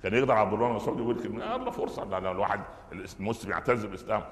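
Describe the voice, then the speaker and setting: Egyptian preacher in an echoing hall. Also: male voice, on the low side, racing. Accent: Egyptian Arabic. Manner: animated storytelling, stressing key phrases, frequent restarts. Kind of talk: Friday sermon. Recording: echoey hall with long reverb.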